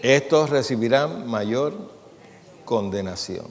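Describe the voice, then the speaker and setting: A man's voice: mid-range voice, expressive, slow pace, gravelly. Man preaching in a reverberant hall. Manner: plain-spoken, asks the congregation questions, jokes. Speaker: pastor. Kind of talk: conversational sermon.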